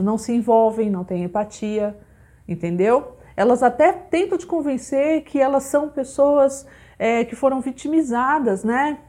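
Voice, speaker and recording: Husky woman giving a talk. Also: a little high, warm tone. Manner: peppers speech with "né?" and "tá?" tag questions. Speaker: spiritual group teacher. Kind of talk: conversational teaching monologue.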